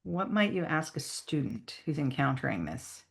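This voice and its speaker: A woman's voice: sits low, sing-song, normal speed, creaky. A woman English professor giving an online teaching workshop, reflective and self-correcting, on a video call. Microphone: computer mic on a video call.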